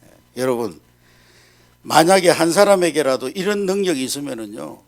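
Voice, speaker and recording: A male pastor telling a story in an animated sermon, often checking in with the congregation. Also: a little high, normal speed.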